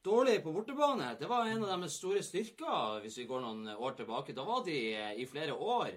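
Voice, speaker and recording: Man host, husky, animated pitch, fast casual banter. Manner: lively, joking, hurried at times. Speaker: podcast host. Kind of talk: casual sports talk show.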